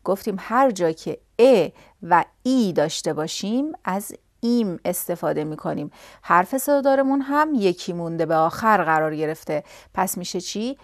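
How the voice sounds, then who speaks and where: A woman's voice: lowish voice, animated, no room sound, studio quality. A woman teaching a grammar lesson, explaining step by step and answering her own questions. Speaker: language teacher.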